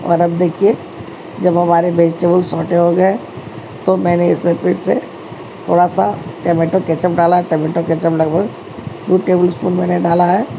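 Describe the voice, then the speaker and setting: A woman's voice: on the low side, little pitch movement, normal speed, creaky, noisy background. A woman hosting a home cooking tutorial, talking chattily to her viewers, calling them friends and often correcting herself. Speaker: cooking channel host. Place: home kitchen.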